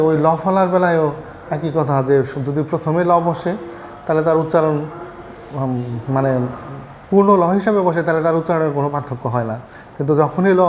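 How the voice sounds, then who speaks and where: A man teaching a pronunciation lesson to fellow teachers, patient and methodical, often stopping to check that listeners follow. His voice sits a little high for a man. Faint background noise runs under the recording. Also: a little mellow. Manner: patient, explanatory, repeats "ঠিক আছে?" to check understanding; fillers and self-corrections. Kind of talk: spoken lesson on Bangla pronunciation.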